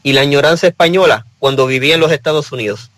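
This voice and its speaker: A man's voice: on the high side, quick pace, a bit bright, no room sound, low-quality recording. A man with a Puerto Rican accent, speaking as a guest in a casual panel discussion and telling personal stories earnestly. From Puerto Rico.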